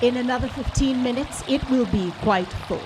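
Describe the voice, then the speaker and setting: A woman playing Professor Moriarty, a coolly polite, menacing mastermind, taunting deliberately in old-time radio drama style. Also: a little high, close to an everyday voice. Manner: deliberate, taunting, savoring each threat. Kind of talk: old-time radio drama acting, live stage reading. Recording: live recording, clear water-like background noise.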